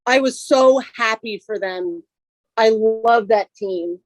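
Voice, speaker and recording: Give me an earnest woman guest, bright and high, dry and close. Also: takes it slowly, no echo, poor audio. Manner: emotional, earnest. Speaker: podcast guest, robot team co-captain. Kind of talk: casual podcast chat.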